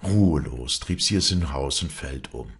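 A man narrates a novel as an audiobook in a deep, gravelly voice. His tone is very husky, yet his pitch moves expressively. The reading is measured and storytelling. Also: lively intonation. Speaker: audiobook reader.

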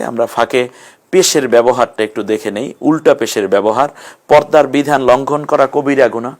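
A man teaching Quran letter sounds in a patient lesson, repeating each sound slowly. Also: medium pitch. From Bangladesh. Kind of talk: explanatory lesson.

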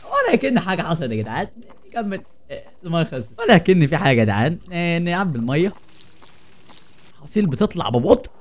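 His pitch is a little high and swoops wildly as he speaks fast. The speaker is a young gaming channel host with an Egyptian Arabic accent, joking, getting startled, and chatting with viewers through a horror game let's play.

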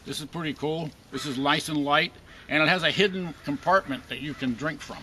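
Older man showing gear, folksy and bright. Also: on the high side, brisk, a little hiss or hum. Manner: folksy, dry joking. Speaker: outdoor gear collector. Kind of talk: casual show-and-tell chat. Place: outdoors in a wooded park.

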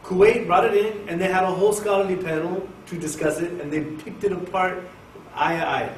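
A man's voice: high voice, brisk. Male Quran teacher from Oklahoma, casual and joking, picked up from a distance with room echo and light hiss. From Oklahoma, USA. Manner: jokey, animated, talks to the audience. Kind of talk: informal religious class. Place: mosque hall with an audience. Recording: echoey room, distant mic, faint hiss.

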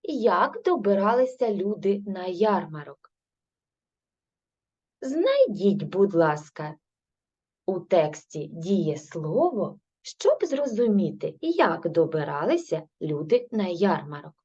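A Ukrainian primary teacher with a husky, mellow voice and lively pitch leads a recorded grade-three language lesson. She speaks slowly and patiently, asking questions and answering them herself, on a dull lo-fi recording.

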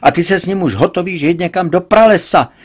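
A hot-tempered middle-aged father bellows and blusters, his voice jumping high and loud with indignation, as a male reader acts him out. He sounds overprotective and fuming, straight from a storybook reading. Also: wildly swooping pitch, husky, exaggerated voice. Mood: furious.

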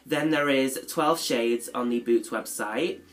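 A man talks through a beauty vlog with a stuffy, nasal voice from a cold. His pitch sits in a middle range for a man, and he chats in a loose, rambling way, often poking fun at himself. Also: takes it slowly, a bit bright. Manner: chatty, rambling, self-deprecating. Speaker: beauty vlogger. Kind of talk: casual chat.

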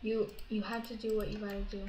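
A woman hosting a casual gameplay commentary, chatty and breaking into excited shouts over wins. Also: medium pitch, fast, noisy background. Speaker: gaming channel host. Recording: echoey room.

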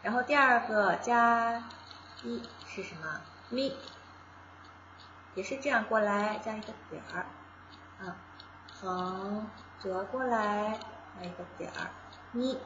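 A woman's voice: mid-range voice, unhurried, reverberant, lo-fi sound, background noise. A woman from China teaching a casual beginner lesson, patiently explaining each step and repeating sounds aloud. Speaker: Japanese language teacher.

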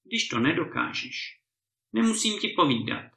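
A man's voice: fairly high pitch, very animated, gravelly, sharp tone, full character voice. A man doing a greedy, stern old landowner. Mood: stern threatening. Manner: stern, threatening, bursts of anger. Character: grumpy greedy male landowner, stern and threatening. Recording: echoey room.

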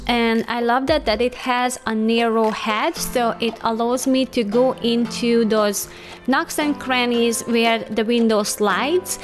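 A woman in her thirties chatting cheerfully through a home cleaning vlog, talking close to the camera in a bright kitchen. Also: on the high side. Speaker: home vlogger.

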